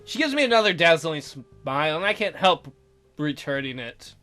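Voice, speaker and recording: A let's play host with a bright, fairly high voice reads a visual novel aloud at normal speed, his intonation swooping animatedly. He's theatrical and jokey, adding his own commentary along the way. Faint music plays in the background.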